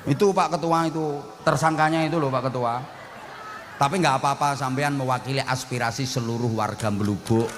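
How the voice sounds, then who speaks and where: A man's voice: mid-range voice, normal speed, long reverb tail, crowd noise, background noise. A man with a Javanese accent preaching a humorous sermon, blunt and joking, speaking outspokenly to a gathering. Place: outdoor religious gathering.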